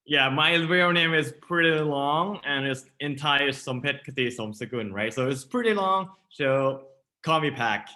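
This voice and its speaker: A man's voice: on the high side, unhurried, sharp tone. A man from Thailand with a Thai accent, a startup founder in his thirties chatting casually as an interview guest, laughing often and using non-native phrasing.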